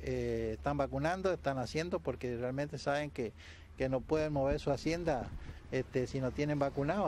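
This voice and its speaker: A man's voice: fairly high pitch, darkish tone. A man in his sixties with an Argentine accent gives spontaneous answers in a TV news interview, speaking through a face mask into a handheld mic. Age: 60s. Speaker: interviewee, head of a rural producers' society. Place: outdoors beside a building. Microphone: handheld reporter's mic, through a face mask. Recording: outdoor news recording with faint ambient noise.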